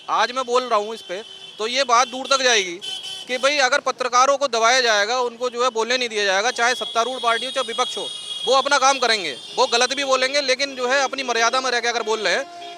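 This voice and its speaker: A man's voice: very high-pitched, bright, forceful tone, slight background noise. A man being interviewed on a city street, speaking earnestly and rambling with many fillers.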